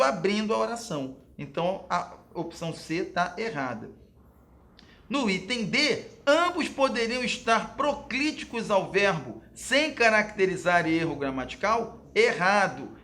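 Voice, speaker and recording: A man's voice: high voice, bright, forceful tone. A Brazilian man teaching Portuguese, walking through exam questions and patiently explaining them to his students, often checking in with "ok?" and "né?". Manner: fillers like "ok?", "né?" and "ó". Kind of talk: exam question walkthrough lesson.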